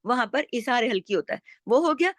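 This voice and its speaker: A woman teaching Quran recitation step by step, explaining rules slowly and chanting words drawn out. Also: on the high side, animated, fairly bright tone, no echo.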